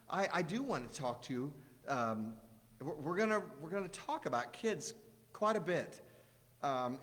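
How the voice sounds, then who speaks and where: A middle-aged man preaching a casual sermon, rambling with restarts and telling jokes. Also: fairly high pitch. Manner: rambling, warm storytelling with restarts. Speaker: pastor. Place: church sanctuary. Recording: long church hall reverb.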